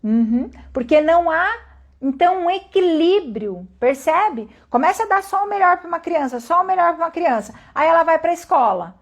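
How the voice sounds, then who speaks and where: A woman giving a calm, reflective spoken lesson at an unhurried pace, often pausing to ask her listeners questions. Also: very high voice. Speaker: teacher.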